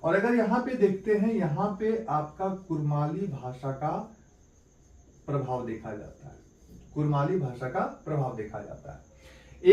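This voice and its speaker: A man with a fairly high yet dark-toned voice teaches an exam-prep lesson, turning key points into questions and then answering them. The room is echoey and the mic sits at a distance.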